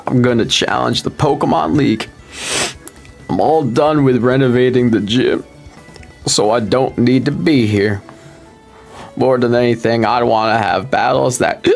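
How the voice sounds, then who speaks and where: A man's voice: medium pitch, creaky. A man voicing a bored, jaded male gym leader from a video game, reading the lines with a weary, restless tone.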